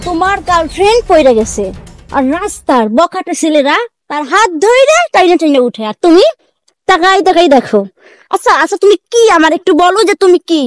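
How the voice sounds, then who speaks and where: A woman's voice: very high-pitched, animated, fairly quick, dry recording, soft background music. A young woman acting a bossy girlfriend in a drama, scolding and impatient.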